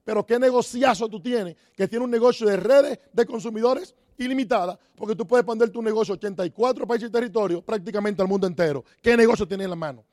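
A man's voice: sits high, fast, hardly any pauses, a little mellow, no echo, clean studio sound. A man giving a motivational talk on network marketing, asking the audience rhetorical questions and repeating key phrases. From Dominican Republic.

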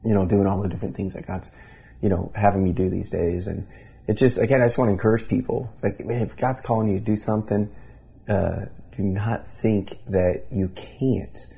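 A pastor in his thirties from Indiana, USA, tells stories in a conversational interview, earnestly and at normal speed, with many restarts and fillers. His voice is low and gravelly, with a husky, mellow tone.

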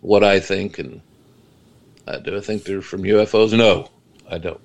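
A middle-aged man with a low, gravelly voice talks as a guest on a casual podcast. He stumbles and repeats words before settling into long explanations. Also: steady tone. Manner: halting, repeats words, then explains at length. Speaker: guest Bigfoot researcher.

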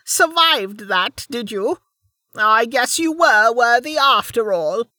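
A man voicing an ancient, withered old woman who is venomous and scornful, in a high, drawn-out voice. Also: lively intonation, pushed and bright, no echo, clean studio sound, heavily acted. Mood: mocking. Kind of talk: audiobook character voice.

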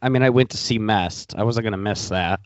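Lower-voiced laid-back man podcasting. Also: brisk, no echo, dull audio. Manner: laid-back, steers the show along. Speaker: podcast co-host. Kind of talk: casual chat.

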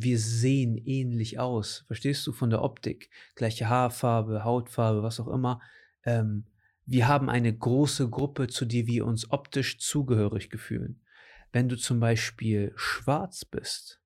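A man chatting casually in a relaxed, slangy way, full of fillers and "you know what I mean" tags. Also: medium pitch, a little slow. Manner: relaxed, slangy, lots of fillers and tag questions. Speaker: conversation partner. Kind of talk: casual chat.

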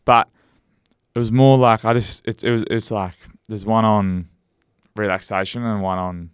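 Man, broad Australian accent, lowish smooth voice, young adult, rambling matey podcast chat. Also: fairly even intonation, normal speed, no echo, clean studio sound. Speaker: podcast co-host.

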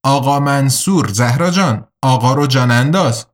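A man voicing a worried woman supervisor. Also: a bass voice. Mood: firm, worried. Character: weary stern female coach and supervisor.

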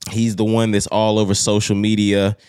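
A man's voice: lowish voice, monotone, normal speed, a little mellow, clear, resonant tone, no echo, studio quality. A man co-hosting casual sports banter in a crude, slangy, profane frat-bro manner, joking around. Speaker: podcast co-host.

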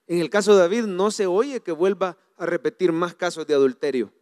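High-voiced preacher in a reverberant hall. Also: male voice, fairly quick. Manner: animated preaching, swings from hushed to loud. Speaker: pastor. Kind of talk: sermon. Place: church.

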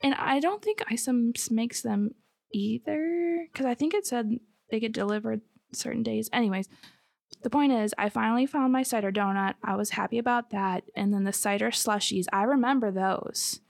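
A woman's voice: fairly high pitch, normal speed, creaky, dry recording, clean studio sound. A woman from Michigan with an American accent, chatting casually as a podcast co-host. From Michigan, United States. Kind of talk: casual conversational chat.

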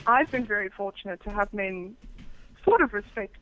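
A South African woman, a phone sex operator, is a guest in a casual interview, talking frankly about her work with many restarts. Her mid-range voice is expressive and a bit bright at normal speed, and the recording sounds dull, muffled and phone-like.

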